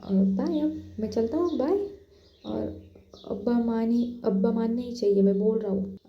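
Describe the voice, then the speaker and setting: A woman's voice: a little high, reverberant, highs cut off, close to an everyday voice. A woman doing a brash, bossy teen boy. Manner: blunt, hurried.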